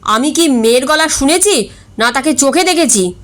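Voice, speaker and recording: A man's voice: very high voice, expressive, normal speed, a bit bright. A woman reading a storybook voices an aggrieved, easily flustered middle-aged bachelor who complains indignantly and stammers when upset.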